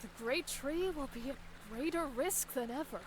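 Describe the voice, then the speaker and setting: A woman's voice: high-pitched, moderate pace, noisy background, natural voice. A woman playing a theatrical fortune teller in a video game, with a grandiose, mystical, old-fashioned delivery. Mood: indignant, scolding. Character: theatrical female fortune teller, secretly a scolding groundskeeper. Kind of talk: video game character acting.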